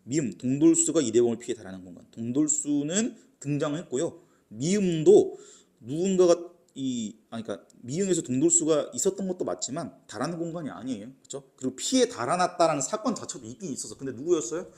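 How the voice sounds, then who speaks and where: A man's voice: a little high, expressive, fairly quick, dark tone. A man teaching literature for exams, explaining step by step and often checking with "right?". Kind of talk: exam lecture.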